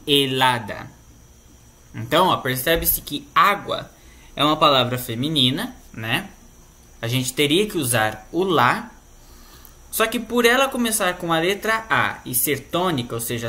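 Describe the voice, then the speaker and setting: A man's voice: fairly high pitch, pushed and bright. A man with a Brazilian Portuguese accent patiently explaining a grammar lesson, often checking in with the listener. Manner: patient, explanatory, tags sentences with "né?". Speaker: Spanish teacher.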